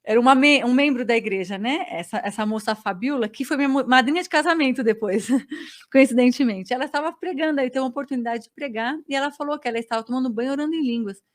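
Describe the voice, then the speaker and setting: A woman telling her faith testimony as a podcast guest, a lively storyteller who acts out dialogue. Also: high voice, fast talker. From Brazil.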